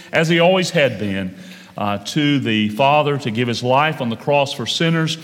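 A pastor preaching a sermon at a pulpit microphone in a church sanctuary, speaking in a measured way, slowing down on key phrases and often saying "uh" and "um". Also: male voice, medium pitch, a bit bright. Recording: long church hall reverb.

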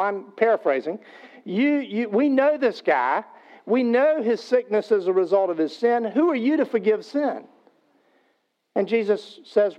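A man's voice: sits high, muffled recording. A man preaching a sermon, retelling scripture stories in a conversational, everyday way. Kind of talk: sermon storytelling.

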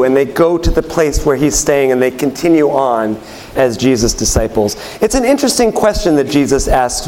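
A man's voice: on the high side, darkish tone, slight background noise. A man pastor giving a conversational sermon, telling everyday stories and asking the congregation questions, then repeating their answers. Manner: chatty storytelling.

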